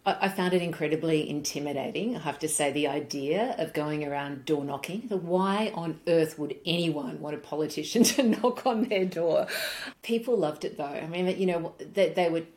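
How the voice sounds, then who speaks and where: A woman's voice: sits low, moderate pace, darkish tone. A woman with an Australian accent, from South Australia, chatting as a guest in a friendly, good-humoured interview. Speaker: guest, politician and former journalist. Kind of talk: casual conversational interview.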